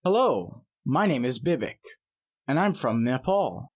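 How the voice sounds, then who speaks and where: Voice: mid-range voice, sing-song, a little slow. An actor voicing a polite schoolboy from Nepal in a scripted textbook audio dialogue, explaining things carefully. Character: polite schoolboy from Nepal who plays the sarangi.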